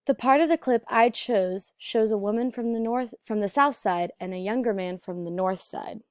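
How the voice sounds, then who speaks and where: A woman's voice: medium pitch, normal speed, clear, resonant tone, dry recording. Dry, close-miked woman teaching pronunciation. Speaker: accent teacher. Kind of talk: instructional narration.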